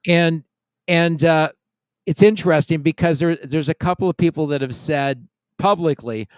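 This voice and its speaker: Higher-voiced man hosting a podcast. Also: normal speed, clean tone, no echo. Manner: reads out listener comments, chuckles often. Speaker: podcast host. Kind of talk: casual podcast chat.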